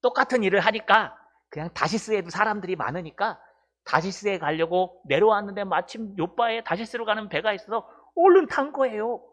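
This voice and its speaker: A man's voice: high-pitched, animated, a little fast, fairly bright tone, voice pushed up. A male pastor acting out a runaway prophet who sheepishly confesses what he had hidden and explains himself. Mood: sheepish confession.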